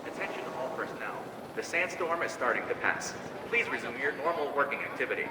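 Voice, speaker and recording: A far-off loudspeaker park announcer. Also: male voice, mid-range voice, animated, fairly quick. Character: calm adult male facility announcer. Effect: public address loudspeaker. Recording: echoey loudspeaker from far off, loud noise.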